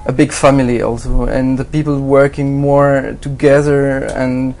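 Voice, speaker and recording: A medium-pitched, somewhat mellow male voice delivers flat, slightly slow answers as an interview guest. The Swiss graphic designer hesitates often, using lots of fillers and starting sentences over.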